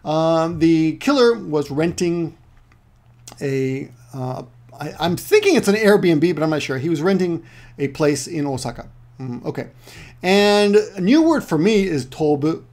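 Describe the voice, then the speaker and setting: A middle-aged Peruvian man living in Japan teaches a casual online Japanese lesson, rambling, often correcting himself and tossing in joking asides. His voice is fairly high and darkish, animated yet a little slow.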